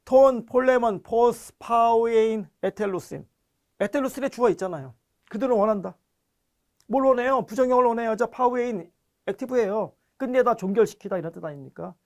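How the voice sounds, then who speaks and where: Man, high voice, grammar lecture, explanatory, reads terms out slowly. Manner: explanatory, often checks understanding with questions; reads foreign words slowly and deliberately. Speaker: language teacher.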